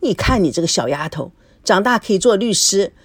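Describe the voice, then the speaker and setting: A woman voices a smooth-talking, flirtatious middle-aged man for a storybook. He wheedles and jokes in a lively, swooping voice, recorded close and dry. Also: medium pitch, fairly quick, dry recording. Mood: flirty, glib. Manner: wheedling and glib.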